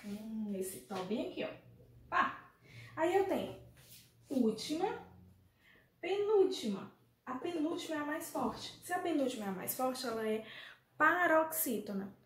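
A woman's voice: high-pitched, very animated, measured pace, long pauses. A Brazilian woman teaching a remote primary school class, speaking affectionately and asking the pupils questions. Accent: Brazilian Portuguese. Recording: echoey room, faint noise.

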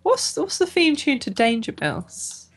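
A woman's voice: high-pitched, sing-song, a little slow. A young woman in casual gaming chat, a self-mocking beginner who mutters to herself while playing. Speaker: beginner gamer.

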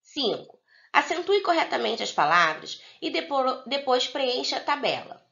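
Brazilian teacher lady doing a kids video lesson, drags words out slow, kinda muffled lo-fi audio. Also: high-pitched, big pitch swings, gravelly, pushed and bright. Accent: Brazilian Portuguese. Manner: slow, drawn-out word-by-word dictation for young pupils. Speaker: primary school teacher. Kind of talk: recorded video lesson for children.

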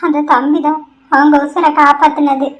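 A woman's voice: sits high, flat delivery, moderate pace, lightly acted. A woman voicing an anxious middle-aged village wife in a cartoon, earnestly explaining what happened. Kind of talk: Tamil cartoon voice acting. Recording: dull lo-fi audio.

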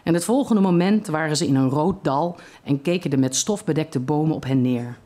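A reader telling a short story aloud at a literary evening in a steady, measured way. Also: medium pitch.

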